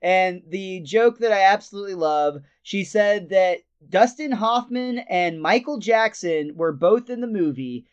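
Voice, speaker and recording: A man with a high, smooth voice co-hosts a casual podcast review, walking through scenes in detail and chuckling as he goes. The recording sounds slightly dull and lo-fi. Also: animated, unhurried, hardly any pauses. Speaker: podcast co-host.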